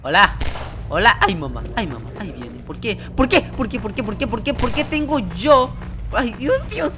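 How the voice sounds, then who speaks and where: A man giving excited gameplay commentary as a gaming YouTuber, swearing and yelping in fright. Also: high-pitched, moderate pace. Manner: jumpy, swears, yelps and screams in fright. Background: game music.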